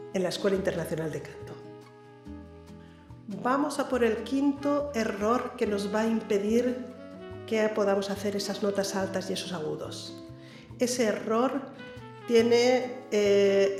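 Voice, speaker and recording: A woman's voice: mid-range voice, takes it slowly. A woman teaching a singing lesson, speaking emphatically and directly to the viewer with frequent "¿eh?". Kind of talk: vocal coaching lesson to camera. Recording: echoey room with faint background music.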